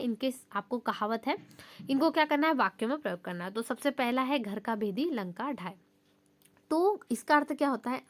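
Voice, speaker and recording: Higher-pitched woman explaining exam answers. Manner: steady explanatory, reads sample sentences aloud. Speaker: teacher.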